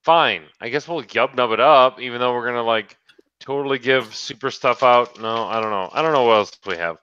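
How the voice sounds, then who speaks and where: A man's voice: medium pitch, a little fast, clean tone. A man co-hosting a radio show, bantering casually with lots of swearing. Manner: brash, swearing, animated. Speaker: podcast co-host. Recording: muffled lo-fi sound.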